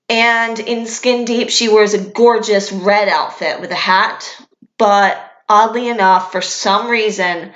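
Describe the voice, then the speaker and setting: A woman's voice: mid-range voice, a bit bright. A young woman, a vlogger, talking candidly and enthusiastically as a fan in casual commentary, with some casual swearing. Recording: echoey room.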